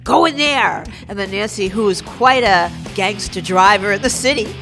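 A woman's voice: medium pitch, normal speed. Woman retelling a story over music. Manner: conversational, animated retelling. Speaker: host recounting the day. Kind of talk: storytelling recap.

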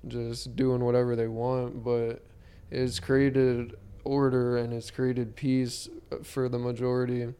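A man's voice: mid-range voice, flat delivery, slow, mellow, clean tone. A young man in a casual podcast chat, talking in an earnest, rambling, slangy frat-bro way. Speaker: podcast host.

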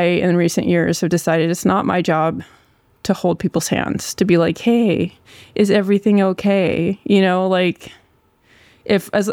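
Casual, candid storyteller, sore throat, creaky gravelly vocal fry, close dry sound. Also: mid-range voice, dry recording. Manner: candid, informal, occasional swearing. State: long-running sore throat.

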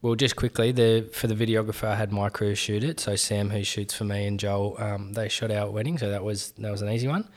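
Young aussie bloke, bit low voice, loose slangy podcast chat. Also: male voice, fairly even intonation, fairly quick, hardly any pauses. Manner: easygoing, slangy, repeats words as he restarts. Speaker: podcast co-host.

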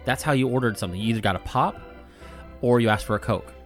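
Male podcast co-host, mid-pitched, chatty, teasing. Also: fast, faint music behind. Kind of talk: casual podcast banter.

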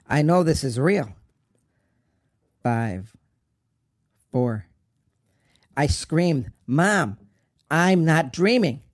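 A man's voice: medium pitch, fairly even intonation, gravelly, warm tone, no room sound, clean studio sound. [name], a man playing a grieving young man. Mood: pleading. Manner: slow, halting, tearful storytelling. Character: grieving young man mourning his mother. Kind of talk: dramatic monologue.

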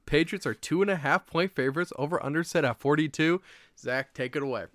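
A man's voice: fairly high pitch, fairly quick, a bit bright, no echo, studio quality. A young man co-hosting a casual betting podcast, teasing his co-host and moving the talk from one game to the next. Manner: teasing, moves the show along. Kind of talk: casual sports betting chat.

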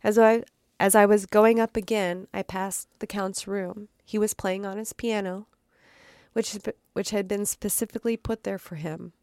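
A woman's voice: mid-range voice, steady tone, moderate pace, darkish tone, no echo, studio quality. A woman podcast host reading a true story aloud, dramatic, with occasional stumbles and asides.

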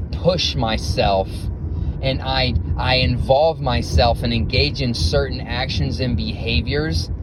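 A man hosting a podcast, talking to himself in a car, recorded as low-quality phone audio. He speaks intensely and swears a lot, firing off rhetorical questions. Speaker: podcast host. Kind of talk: motivational self-talk monologue. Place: inside a car while driving. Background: car road noise.

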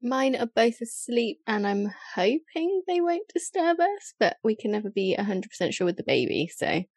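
Gushy informal woman on a podcast, bit of vocal fry, close dry sound. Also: on the high side, very animated, normal speed, darkish tone, dry recording. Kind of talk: casual chat.

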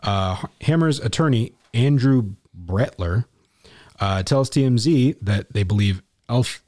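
A man's voice: mid-range voice, expressive, measured pace, a little mellow. A man co-hosting a podcast in casual chat, rambling and profane, restarting his sentences. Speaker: podcast co-host.

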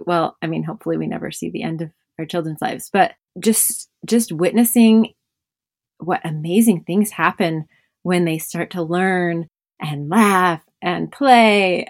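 Thirtysomething mom of five on a podcast, low-ish voice, thoughtful, dry close sound. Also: female voice, darkish tone, dry recording. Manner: reflective, thoughtful, many fillers. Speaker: podcast host. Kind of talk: casual podcast conversation.

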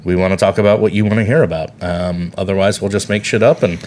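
Low voiced guy chatting on a podcast, kinda wry and rambly, rumbly noise behind him. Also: fairly even intonation, fast, darkish tone. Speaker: podcast co-host. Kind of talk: casual podcast chat.

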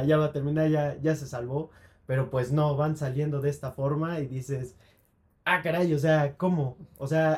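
Mellow-voiced man, hesitant. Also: on the high side. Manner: hesitant, restarts words often. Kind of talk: casual movie discussion.

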